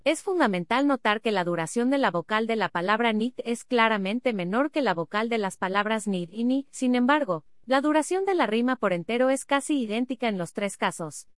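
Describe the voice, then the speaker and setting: Female reader, slightly high voice, dry close sound, reads a dense academic paper literally. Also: expressive, brisk, hardly any pauses, no echo. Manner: reads symbols, figure captions and abbreviations literally. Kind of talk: reading an academic paper aloud.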